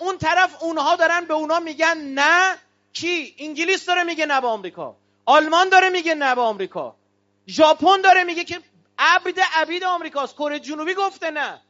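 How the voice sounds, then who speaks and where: A man from Iran giving an impassioned political speech to an audience, fiery and declamatory, with bursts of shouting. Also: very high voice. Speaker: speaker addressing an audience. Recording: dull lo-fi recording.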